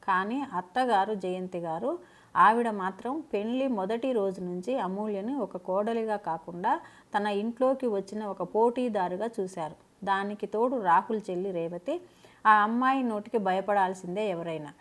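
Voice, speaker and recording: A woman storyteller reads a family drama aloud in a scripted narration. Her telling is steady and dramatic, with a voice of ordinary pitch for a woman. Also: normal speed.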